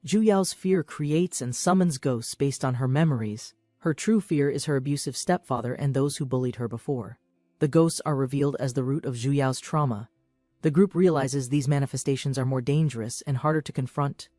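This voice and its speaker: A man's voice: medium pitch, moderate pace, warm tone, no echo. Man narrating a recap, dry close mic. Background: faint background music.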